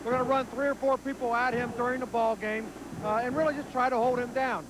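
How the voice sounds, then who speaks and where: A man's voice: extremely high pitch, steady tone, fast. A man giving sports analysis as a color commentator in a conversational, explanatory way. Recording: noisy live arena broadcast.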